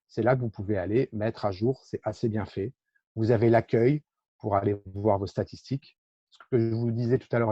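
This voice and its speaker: A man from France gives an online workshop, talking through his screen share with many pauses and fillers. His voice is dark and a little husky. The sound is dry and dull, as from a computer mic on a video call. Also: lowish voice, no room sound. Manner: explanatory, hesitant with many fillers. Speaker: workshop presenter.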